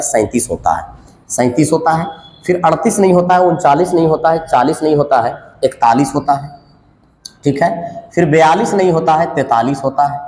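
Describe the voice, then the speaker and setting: A man's voice: fairly high pitch, darkish tone, a little hiss or hum. A man teaching a math lesson for exam prep, working through sums aloud in a sing-song counting patter. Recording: echoey room with long reverb.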